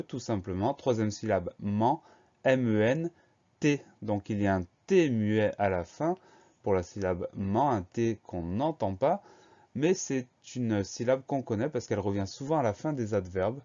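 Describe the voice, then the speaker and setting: A man's voice: lowish voice, warm tone, dull audio. A man teaching a spelling lesson, patiently spelling each word out letter by letter.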